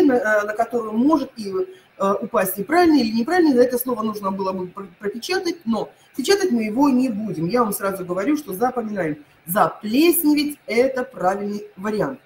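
A woman teacher giving an online lesson, repeating each word pair slowly and hesitating often. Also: mid-range voice, a little hiss or hum, low-quality recording.

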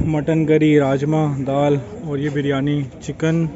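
This young food vlogger speaks slowly in a fairly high voice while recording on his arm's-length phone camera at a busy outdoor buffet by the water. His walkthrough is relaxed and chatty, and he points things out along the way. The sound is muffled and lo-fi, with crowd chatter behind him.

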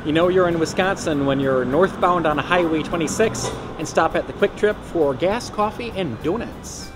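A man's voice: a little high, moderate pace, over music. A man in his forties vlogging casually with dry, self-mocking humor, filming himself with a handheld camera. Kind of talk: casual vlog narration. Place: in a car and a home garage.

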